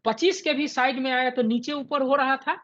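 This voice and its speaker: A man's voice: extremely high pitch, fairly even intonation, a little fast, fairly bright tone, dull audio. A man in his fifties teaching an online class, who keeps checking with his students and repeating his points.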